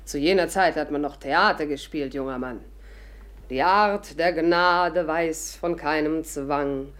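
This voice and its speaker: In a 1950s radio play, an older actress with a low voice portrays an imperious, curious old stage diva, speaking in a declamatory, condescending manner.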